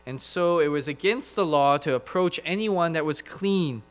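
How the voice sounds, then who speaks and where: A man preaching a sermon in an earnest, emphatic way, with dramatic pauses. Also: a little high, clean tone, soft background music. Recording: reverberant hall with mains hum.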